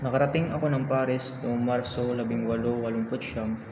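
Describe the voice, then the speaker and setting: In a student radio drama, a Filipino-accented man plays an earnest young national hero recounting his own travels. His mid-range voice is steady and brisk, with light acting and an earnest, solemn mood. The hall recording is muffled, noisy and echoey.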